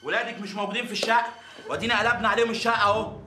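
An actor playing a bossy, threatening police officer in a sitcom, with an Egyptian Arabic accent. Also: male voice, high voice, fairly even intonation, very fast, sharp tone, echoey room. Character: brash male police officer.

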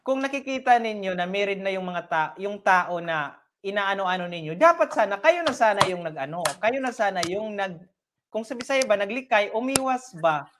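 A woman's voice: medium pitch, expressive, normal speed, fairly bright tone, a little hiss or hum. A Filipina woman hosting a vlog interview, chatty and blunt, talking straight to her viewers. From Philippines. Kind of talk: casual interview chat.

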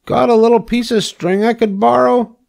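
A man voicing an eager, boastful, naive young male pig in a storybook, excitable and earnest. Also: very high voice, normal speed, gravelly, pitched above the performer's own voice. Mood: eager, excited. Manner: excitable, wide-eyed, earnest. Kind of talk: storybook character reading.

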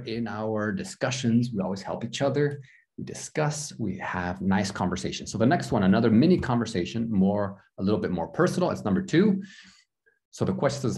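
An American man leads an English lesson over a video call. His low voice swings up and down a lot as he praises and gently corrects his students. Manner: encouraging, corrects gently and repeats phrases. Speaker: English teacher. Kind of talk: online class instruction.

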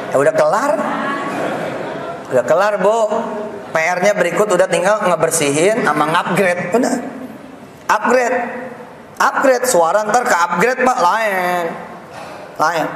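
Animated preacher in echoey hall. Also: male voice, high voice, background noise. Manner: animated, joking with the congregation in casual Jakarta slang. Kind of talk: lively sermon. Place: mosque hall. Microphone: speaker system. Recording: echoey mosque hall sound.

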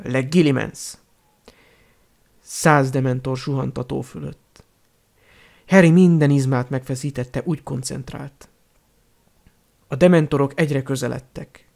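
Gravelly male audiobook narrator. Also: medium pitch, fairly even intonation, long pauses, a little mellow.

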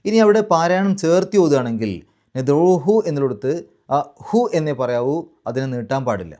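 Guy teaching quran recitation rules, calm step by step, repeats everything, stretches out the example words. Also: medium pitch. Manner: patient, repeats each rule step by step; draws out the Arabic example words slowly.

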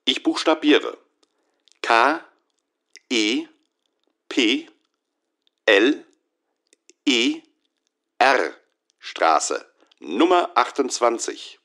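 A courteous businessman played by an actor leaves a formal answering machine message. His intonation swings widely around a medium pitch, and his wording is precise. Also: very animated, extremely slow, pauses often, pushed and bright, exaggerated voice. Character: courteous office man leaving a business message. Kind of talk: scripted answering machine message for a German listening exercise.

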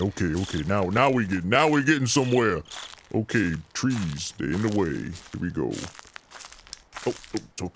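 A man's voice: fairly low pitch, a bit bright, slight background noise. A young man playing a horror game, talking to himself, humming nervously and joking while he gets scared. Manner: talks to himself, hums nervously, jokey and jumpy. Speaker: let's play gamer. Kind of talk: horror game let's play commentary.

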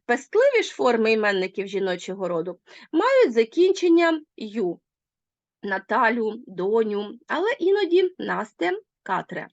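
A woman's voice: fairly high pitch, very animated, normal speed, no room sound, dull audio. A woman teacher explaining grammar in a lesson, speaking emphatically.

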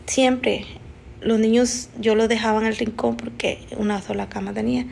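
Woman streamer retelling a scare, slightly high voice, halting and emotional, restarts mid-sentence. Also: fairly even intonation, creaky, a little mellow, a little hiss or hum. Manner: halting, emotional, with frequent restarts and nervous laughs. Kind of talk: casual spoken storytelling.

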